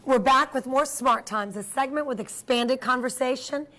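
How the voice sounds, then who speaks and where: A woman's voice: high-pitched, normal speed, bright, forceful tone. A woman hosting a talk show in a broadcast style.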